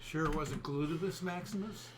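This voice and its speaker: A man's voice: fairly high pitch, moderate pace, background noise. An older man, the co-host, chatting casually and cracking dry jokes, heard over a group voice chat. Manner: wisecracking, laid-back.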